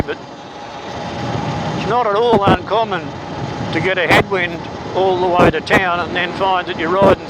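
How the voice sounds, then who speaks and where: A man talking slowly and deliberately through a motorbike helmet microphone while riding outdoors. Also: high-pitched. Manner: slow, measured, deliberate delivery. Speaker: vlogger. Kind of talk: political commentary monologue while riding. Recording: loud wind and road noise on a helmet mic.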